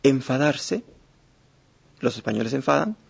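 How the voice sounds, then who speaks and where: Gravelly husky guy teaching a lesson, lots of ums, muffled lo-fi sound. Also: mid-range voice, lively intonation. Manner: measured, with many hesitations. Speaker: Spanish teacher. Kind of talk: explanatory lesson. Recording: dull lo-fi recording.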